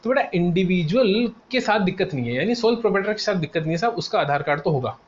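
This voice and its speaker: A man's voice: sits high, animated, fast talker. A male tutor giving a classroom lecture. He calls students "beta", answers his own questions in a student's voice, and repeats key terms. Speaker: CA exam tutor. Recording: dull lo-fi sound with faint noise.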